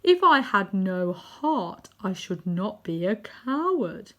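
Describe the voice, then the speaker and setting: A woman's voice: medium pitch, big pitch swings, slow pace, sharp tone, full character voice. A woman voicing a big, timid male lion in a children's storybook, mournful, plaintive and emphatic. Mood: thoughtful. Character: big, sorrowful, timid male lion, gloomy and self-pitying. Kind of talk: children's storybook character reading.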